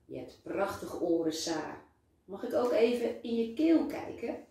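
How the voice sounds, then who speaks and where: A woman's voice: mid-range voice, big pitch swings, measured pace, gravelly, mellow. A woman doing a jolly, teasing male doctor. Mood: kind, teasing. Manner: playful, teasing. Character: friendly male doctor, gently joking with a small child. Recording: very echoey room, voice far from mic.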